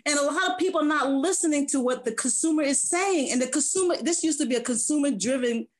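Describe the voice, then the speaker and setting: Slightly hoarse woman producer, earnest. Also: high-pitched, quick pace. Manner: rambling, self-correcting, earnest. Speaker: music producer and manager. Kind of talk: casual interview talk.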